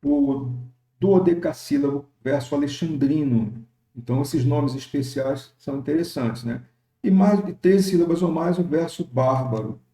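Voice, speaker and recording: Dark-voiced man teaching in an echoey room. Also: fairly high pitch. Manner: explanatory, frequent pauses and fillers, reads verse examples slowly. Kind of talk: recorded lecture on poetic meter.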